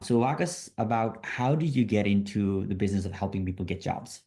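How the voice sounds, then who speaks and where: A man's voice: on the low side, fairly even intonation, brisk, dark tone. A man hosting a podcast, introducing his guest eagerly with some stumbles. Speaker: podcast host. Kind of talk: podcast interview.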